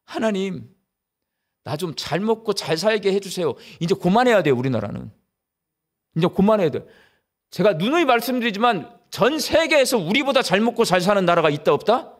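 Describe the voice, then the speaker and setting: A middle-aged man delivers a sermon with a notably high, bright-pitched voice that swings widely up and down. He talks straight at the congregation, peppering them with rhetorical questions. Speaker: pastor. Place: church during a live service.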